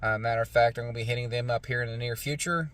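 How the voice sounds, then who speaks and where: A man's voice: medium pitch, fairly even intonation, very fast, fairly bright tone. An American man talking casually to viewers as a motorcycle vlogger, in a plainspoken, folksy way. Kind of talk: casual vlog chat.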